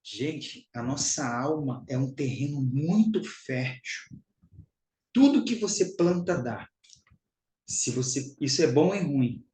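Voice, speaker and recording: A man's voice: medium pitch, lively intonation, slow pace, darkish tone, roomy sound, low-quality recording. A Brazilian man giving a spiritual teaching talk, emphatic and repetitive, calling his listeners brothers and sisters.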